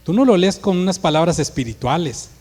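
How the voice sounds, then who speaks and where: Pastor, male, Monterrey accent, high voice, emphatic sermon in a reverberant hall. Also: expressive, a little fast. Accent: northern Mexican, Monterrey. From Mexico. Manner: emphatic preaching, acts out dialogue in a forceful voice.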